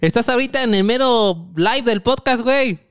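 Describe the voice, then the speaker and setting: A podcast host, joking loudly and laughing through a casual live chat. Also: mid-range voice, moderate pace, smooth.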